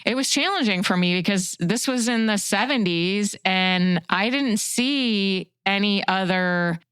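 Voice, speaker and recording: An American woman in her sixties from the Chicago suburbs, a fishing guide and outdoor writer, speaks earnestly and reflectively as a podcast guest. Her mid-range voice is measured, a bit bright, clear and resonant, with no room sound.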